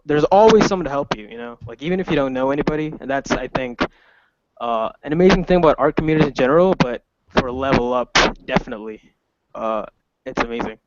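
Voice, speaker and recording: A young man from the Emirates, an art student, chatting casually and jokingly, dropping the odd swear word. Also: mid-range voice. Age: young adult. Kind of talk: casual chat on a call. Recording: dull lo-fi call audio with faint hiss.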